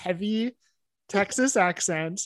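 A woman's voice: mid-range voice, slow pace, dry recording. A woman co-hosting a podcast, telling a story in an amused, casual way. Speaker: podcast co-host. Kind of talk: casual chat.

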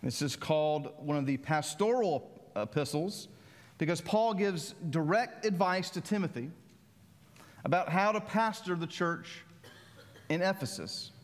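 A man's voice: a little high, animated, measured pace. A man preaching a sermon as pastor, talking conversationally with frequent asides and tag questions. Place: church sanctuary. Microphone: worship mic. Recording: long reverb of a church hall.

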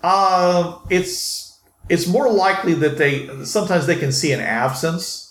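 A man's voice: high voice, unhurried, fairly bright tone. A man running a tabletop game as game master, explaining in a hesitant way and repeating words as he goes. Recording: roomy echo, clear background noise.

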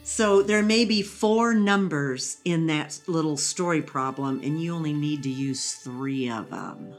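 A woman educator explaining thinking skills in a relaxed interview, teacherly and quick to laugh. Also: deep voice, soft background music. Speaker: educator guest. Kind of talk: conversational interview.

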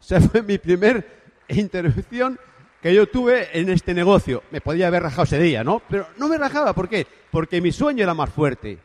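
A man tells an anecdote at a talk, acting out voices and sound effects as he goes. His voice sits high and swings widely. The sound carries a long hall reverb. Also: normal speed. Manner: animated storyteller, acts out dialogue with sound effects. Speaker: speaker telling his business story.

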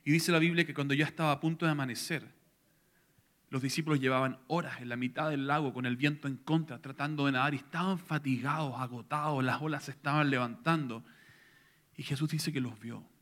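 A man preaching a sermon, retelling a story and swinging between hushed tones and loud, intense passages. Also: medium pitch, fairly even intonation, a little fast.

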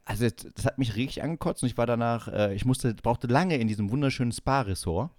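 A fast-talking young man with a medium-pitched voice co-hosts a podcast, spinning a long personal story in easygoing chat. He brings it to life by voicing everyone's quoted lines, in a dry, studio-quality recording.

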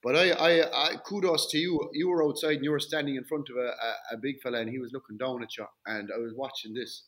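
A man hosting a casual chat, full of lively, slangy banter and the odd swear. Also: medium pitch, fast.

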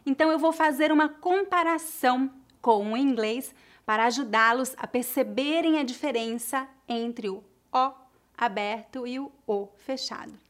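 A woman's voice: on the high side, fairly bright tone. A woman from Brazil with a Brazilian Portuguese accent, teaching a language lesson and spelling out each word with care. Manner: carefully enunciated, repeats example words for drilling. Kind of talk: slow, clear language lesson.

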